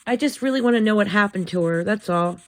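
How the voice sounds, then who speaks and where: A woman hosting a spirit box session, talking casually in a gentle, chatty, coaxing way as she asks questions. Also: mid-range voice, quick pace.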